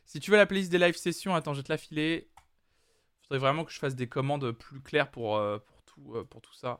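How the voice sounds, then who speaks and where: A man's voice: on the high side, fairly quick, fairly bright tone, clear, resonant tone, no room sound, studio quality. A man hosting a live music stream, chatting casually with lots of hesitant fillers. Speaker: streaming music show host.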